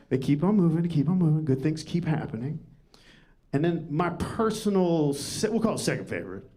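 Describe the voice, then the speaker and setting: A man's voice: medium pitch, dark tone. Man doing a rambling stand-up set. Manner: rambling, conversational, wry. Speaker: stand-up comedian. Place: comedy club stage.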